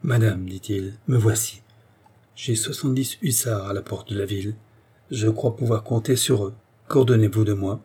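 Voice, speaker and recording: Brooding aristocratic officer, read by a man, steady and mellow. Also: fairly low pitch, moderate pace, breathy edge. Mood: firm. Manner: calm, firm and melancholy. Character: grave, brooding nobleman officer, male, middle-aged.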